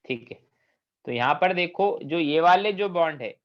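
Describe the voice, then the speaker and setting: A man's voice: on the high side, expressive, normal speed. A man teaching chemistry in a classroom lecture, asking students questions and mixing English terms into his Hindi. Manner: asks the class questions and checks understanding often; mixes English technical terms into Hindi speech. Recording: dull lo-fi recording.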